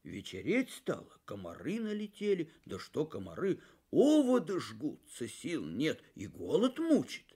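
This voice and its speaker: A man reading a folk tale aloud in a slow, singsong storybook manner. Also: fairly high pitch, huge pitch swings, dark tone, husky. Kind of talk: storybook narration.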